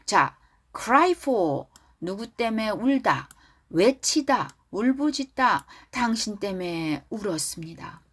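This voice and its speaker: A woman teaching the pronunciation of a pop song. She draws out the model phrases slowly and explains things quickly in between. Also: medium pitch, big pitch swings, fairly bright tone, breathy edge. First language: Korean. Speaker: English teacher.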